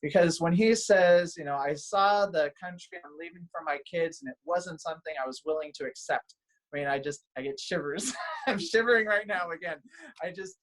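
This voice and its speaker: A man's voice: high-pitched, low-quality recording. A man who works as a pastor, chatting in an interview, enthusiastic and rambling, laughing often. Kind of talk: casual interview chat.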